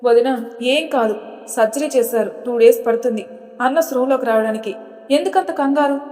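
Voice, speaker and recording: A man's voice: extremely high pitch, normal speed, darkish tone. A woman voicing an earnest, insistent young man who comforts his mother and sister-in-law, told as a storybook with long reverb. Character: young man, family's protective younger son.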